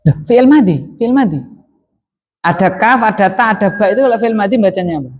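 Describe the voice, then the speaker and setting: A high-pitched man leads a classroom grammar lesson. He corrects briskly and repeats his cues patiently, over a faint hiss of room noise. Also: lively intonation. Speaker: Arabic grammar teacher.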